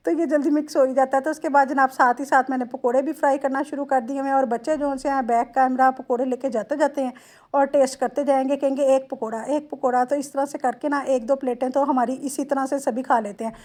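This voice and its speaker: Woman with a Lahori accent, high voice, chatty homely cooking voice-over, talks straight to viewers. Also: fairly even intonation, fast talker, darkish tone. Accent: Lahori Punjabi-tinged Urdu. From Lahore, Pakistan. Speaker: home cooking vlogger.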